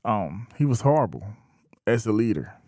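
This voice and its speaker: A man in his thirties talking casually to camera, thinking aloud with frequent pauses. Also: fairly low pitch, sing-song, darkish tone, dry recording, studio quality. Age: 30s. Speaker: vlogger. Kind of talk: casual opinion monologue.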